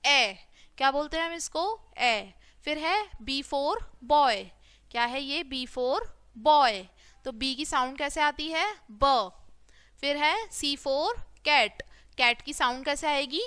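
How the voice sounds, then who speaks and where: A high-pitched woman teaches the alphabet to small children. She speaks slowly and draws out each sound, asking a question and then answering it. Her voice is bright and clear. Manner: slow, drawn-out teaching with repeated questions and answers. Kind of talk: phonics lesson for young children.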